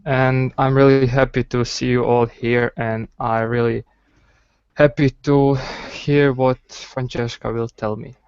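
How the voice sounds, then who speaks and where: Smooth, flat man from Croatia on a call. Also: medium pitch, measured pace, no echo. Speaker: guest colleague. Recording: dull, dry online call audio.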